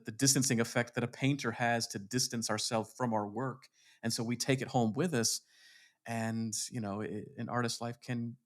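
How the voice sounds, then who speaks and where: A man hosting a podcast, talking in a thoughtful, easygoing way with many fillers. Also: medium pitch. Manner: thoughtful, full of fillers and restarts. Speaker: podcast host. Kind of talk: casual chat.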